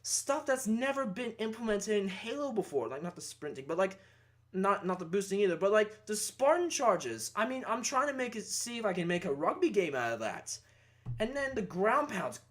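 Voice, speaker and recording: A man's voice: high voice, very animated, normal speed. A young man giving a rambling, casual opinion rant about a video game, swearing and breaking into outbursts. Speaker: gaming YouTuber.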